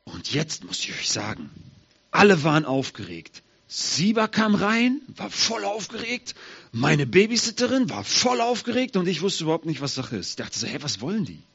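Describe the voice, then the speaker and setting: A man telling a Bible story in the first person as a lame, humble young man, asking his listeners questions in a slightly husky voice. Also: fairly high pitch, very animated, normal speed, a bit bright, dull audio, pitched above the performer's own voice, full character voice. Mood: anxious, excited. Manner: addresses listeners directly, asks them questions.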